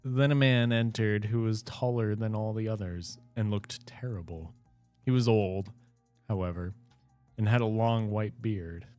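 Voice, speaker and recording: A man narrates a fairy tale in a casual read-aloud, taking his time over each line. His voice sits a bit low. Faint music plays in the background. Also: fairly even intonation, unhurried, darkish tone. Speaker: storyteller reading aloud.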